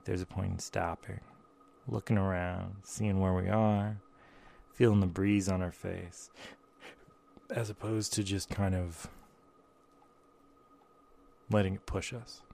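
Slow, gravelly man guiding gently. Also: low-pitched, level tone. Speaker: podcast host. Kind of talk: guided meditation and reflective monologue.

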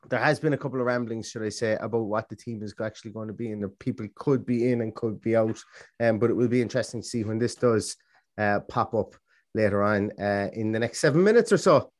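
A man's voice: medium pitch, no room sound, clean studio sound. A man with an Irish accent casually hosting a live football fan show, chatty and rambling.

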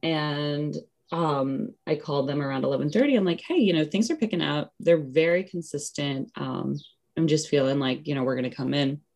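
A woman's voice: low-pitched, normal speed, darkish tone. A woman casually telling a personal story as an interview guest, full of "like" and "you know" and quoting what she said back then. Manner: acts out her own past remarks in quotes.

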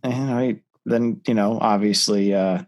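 A man co-hosting a sports podcast, talking in an animated, exasperated way as his voice jumps up when he gets worked up. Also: on the low side, a little slow. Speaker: podcast co-host. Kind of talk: casual sports podcast chat.

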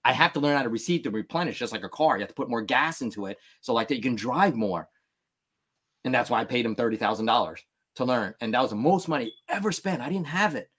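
Speaking candidly as a podcast guest, a man in his thirties who was born in Vietnam delivers earnest, emphatic encouragement. His pitch sits in the middle and his tone is fairly bright.

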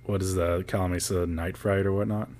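A man's voice: sits low, flat delivery, fairly quick, darkish tone. A man hosting a podcast in loose, joking, casual chat with some swearing. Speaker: podcast host.

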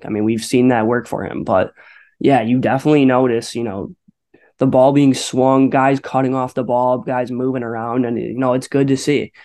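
A man's voice: medium pitch, a little mellow. A man co-hosting a sports podcast, talking casually with many fillers and restarts. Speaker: podcast co-host.

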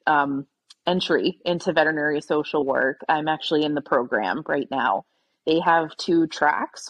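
A woman's voice: sits low, dry recording, highs cut off. A woman working as a veterinary social worker, answering interview questions earnestly and searching for words now and then.

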